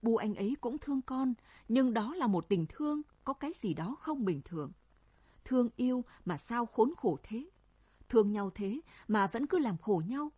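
A woman with a husky voice, narrating a story in an even storytelling manner. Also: on the high side, normal speed, no room sound. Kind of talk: audiobook story reading.

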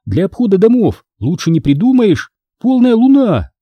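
Male reader doing an excitable young girl, high, breathless, husky edge, dry audiobook read. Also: moderate pace, no room sound, dull audio. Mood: anxious. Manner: breathless, eager, high-pitched. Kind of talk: audiobook character voice.

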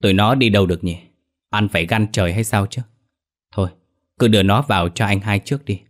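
A sly, wicked demon woman who hides in a human body, read by a man in a low voice. She talks sharply and impatiently, always scheming. It plays like a horror audio story. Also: brisk, close to an everyday voice. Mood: sly, irritated.

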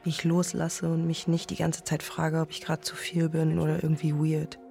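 A woman plays a conflicted podcaster narrating her own love story in scripted first-person, present-tense lines, intimate and introspective. Her low, creaky voice is completely flat at a moderate pace, the mood introspective and uneasy, with music in the background.

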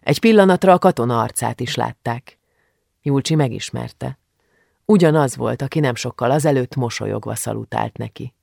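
A man reading an audiobook aloud in a measured, grave manner, recorded close to a studio mic. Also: medium pitch, gravelly, darkish tone, no echo. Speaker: audiobook narrator. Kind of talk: audiobook narration.

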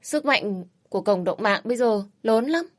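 Storybook: woman doing a young woman, worried but eager, higher and lively. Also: normal speed, natural voice. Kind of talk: storybook narration.

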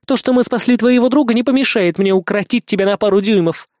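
A man's voice: high-pitched, animated, a little fast, a little mellow, dry recording, pitched above the performer's own voice. A scornful she-demon with fangs snarls each threat in a raised voice, as a man puts her on. The storybook delivery is close and dry, with no room around it. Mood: snarling scorn. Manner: snarling, contemptuous.

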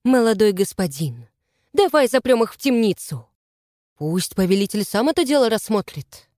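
A woman's voice: medium pitch, big pitch swings, moderate pace, a little mellow, no room sound, clean studio sound, lightly acted. A woman voicing a mocking male palace guard in an audiobook.

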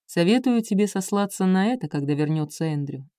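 A woman reading an audiobook, voicing a gruff, restrained young man who speaks in a low, dry manner. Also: expressive, brisk, warm tone, no room sound, lightly acted. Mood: wry. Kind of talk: audiobook character voice.

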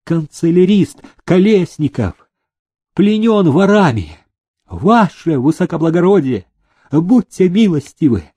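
A man's voice: a little high, very animated, slow pace, warm tone, husky, heavily acted. Man playing a whining, tearful pleading clerk. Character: tearful groveling male government clerk.

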